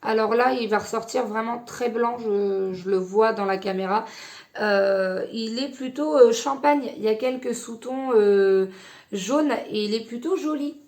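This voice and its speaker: A woman beauty vlogger casually reviewing an eyeshadow palette, talking in a hesitant, chatty way with many pauses and restarts. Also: a little high, darkish tone.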